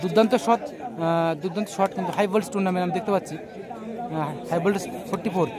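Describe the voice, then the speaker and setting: A man commentates on a live football match. He goes play by play and tends to say a phrase again and again. A loud crowd surrounds him at an open-air ground. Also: high-pitched, steady tone, rapid-fire. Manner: repeats phrases over and over. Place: outdoors at a local football ground. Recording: outdoor recording with loud crowd.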